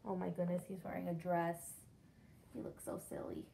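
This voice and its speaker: In a small indoor room against a brick-patterned wall, a teacher in her thirties reads a picture book aloud expressively, explaining it simply and asking young children questions. Her lowish voice is gravelly and level in tone, delivered at normal speed. The background is noisy.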